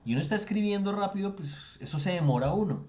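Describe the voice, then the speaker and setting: A man's voice: high voice, lively intonation, fast talker, darkish tone, a little hiss or hum. A man, teaching an online class and explaining with lots of rhetorical questions. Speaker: English tutor. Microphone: video call.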